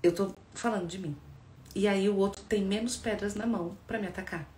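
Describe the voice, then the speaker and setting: Woman, Brazilian accent, psychologist, lively explanatory talk, echoey room. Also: medium pitch, a little fast. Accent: Brazilian Portuguese. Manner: lively, addresses listeners directly with frequent checks. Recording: echoey room with faint background noise.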